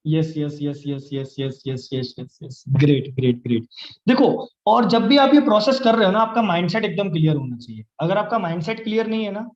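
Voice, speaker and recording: A man's voice: high-pitched, moderate pace, a little mellow, echoey room, muffled recording. A young man leading a live online sales training, talking with energy and coaching his listeners by acting out sample chats.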